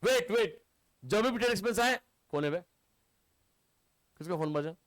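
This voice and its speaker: A man's voice: high voice, expressive, a little slow, fairly bright tone, dry recording. A man teaching accounts to a class, quizzing his students and mixing terms into his speech. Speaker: commerce teacher. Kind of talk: classroom lecture.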